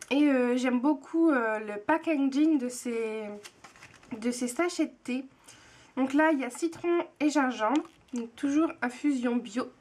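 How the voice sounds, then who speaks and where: Gushing young woman, high voice. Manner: chatty, gushing, many hesitations. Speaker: blogger reviewing a tea subscription box. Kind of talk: casual unboxing chat.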